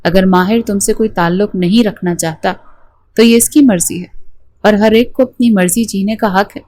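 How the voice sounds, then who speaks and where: A woman's voice: medium pitch, steady tone, normal speed, a little mellow, natural voice. A woman voicing a young husband in a romance storybook, tender yet firm in how he lectures. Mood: reproachful. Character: young husband, loving but stern.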